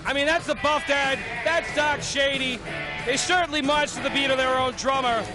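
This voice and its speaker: A man's voice: very high-pitched, steady tone, moderate pace. A man giving live wrestling play-by-play commentary, emphatic and often raising his voice. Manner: emphatic, often raises voice to a shout. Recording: event music behind the voice.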